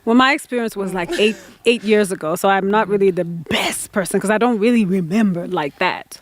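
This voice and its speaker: A woman in her twenties hosting a casual chat show, animated and laughing often, acting out quotes. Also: mid-range voice, fairly quick. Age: 20s. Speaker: show host.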